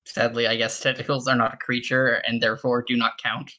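Tabletop player, bright forward voice at middle pitch, casual game-table talk. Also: level tone, brisk, low-quality recording.

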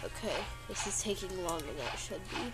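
Fairly low in pitch and fairly quick, her sniffly, blocked-up voice stays animated throughout. This gameplay creator chats and rambles casually during play, playfully protesting every hit, with loud game music behind her.

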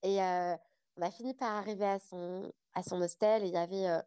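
A young woman speaks as a podcast guest, recounting a travel story in a loose, animated conversational flow full of small hesitations. Her voice sits at an ordinary middle pitch. The sound is dry and close, with no room echo. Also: brisk, clear, resonant tone. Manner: chatty, animated storytelling with frequent fillers. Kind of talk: casual storytelling interview.

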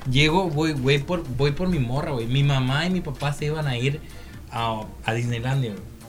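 A man's voice: mid-range voice, moderate pace, faint music behind. A young man with a Mexican accent, joking and telling a story in slangy chat. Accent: Mexican Spanish. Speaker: podcast co-host.

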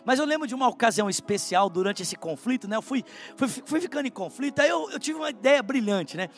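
A man's voice: extremely high pitch, lively intonation, fast talker, faint music behind. A man with a Brazilian Portuguese accent preaching a sermon, telling his own testimony in an earnest, heartfelt way and speaking straight to the listener. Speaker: pastor.

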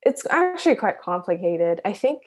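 With big pitch swings in a medium, slightly mellow voice at a moderate pace, a young woman from Shanghai chats casually. She's a university student being interviewed, giggly and fond of saying "like," sharing personal anecdotes.

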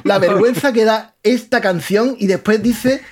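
Laughing man with a high voice. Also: normal speed, a little mellow. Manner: joking, frequent laughter, mocking falsetto imitations. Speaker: radio host. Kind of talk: humorous music commentary.

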